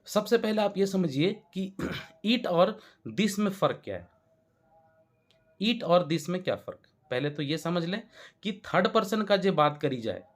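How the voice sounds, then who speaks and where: A man with an Indian accent teaching English grammar in a classroom-style lesson, often stopping to check that students follow. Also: fairly high pitch. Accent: Indian Hindi-speaking. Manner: explanatory, checks understanding with repeated questions.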